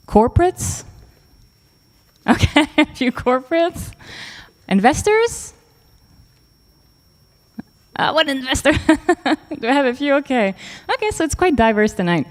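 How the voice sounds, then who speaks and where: Woman moderating a panel in a hall. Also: sits high. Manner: chatty, many fillers, laughs easily. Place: event hall. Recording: long reverb of an event hall.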